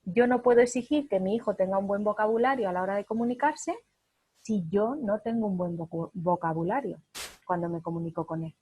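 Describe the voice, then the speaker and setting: A woman's voice: mid-range voice, fairly quick, warm tone, husky. A woman parenting coach giving an emphatic spoken lesson, illustrating her points with short acted examples.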